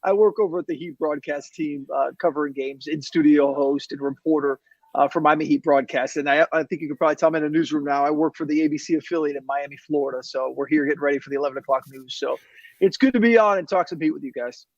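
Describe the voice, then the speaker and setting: A man with a slightly high voice talks quickly and emphatically as a sports reporter giving casual analysis. The call audio is a little dull. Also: no echo. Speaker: TV sports reporter, studio host, guest. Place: TV newsroom.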